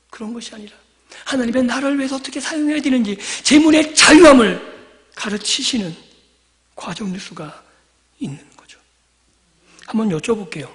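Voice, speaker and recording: A man preaching a sermon in a church sanctuary, his voice sitting unusually high for a man. The long reverb of the hall trails after each phrase. He fires rhetorical questions at the congregation and sinks from forceful emphasis to hushed, whispered line endings. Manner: swings from loud emphatic lines to near-whispered endings. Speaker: pastor.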